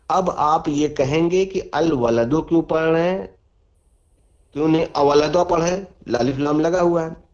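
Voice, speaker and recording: A man's voice: a little high, darkish tone. A man teaching Arabic grammar, patiently repeating examples and checking that students follow. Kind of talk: classroom explanation. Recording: dull lo-fi audio.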